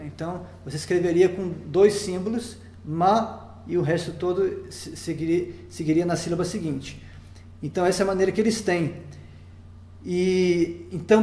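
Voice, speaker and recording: A Brazilian man with a high voice teaches a lesson patiently, one step at a time, pausing to check that his listeners follow. The recording is roomy, with a clear echo around his voice. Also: darkish tone. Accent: Brazilian Portuguese. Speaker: Sanskrit teacher.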